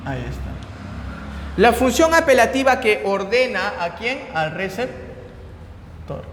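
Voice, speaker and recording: A man teaching a recorded lecture to students with a Peruvian Spanish accent, checking in with "¿ya?" and "¿no?" as he explains, stressing key terms slowly before trailing off quieter. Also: very high-pitched, big pitch swings, a little hiss or hum. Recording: echoey room with long reverb.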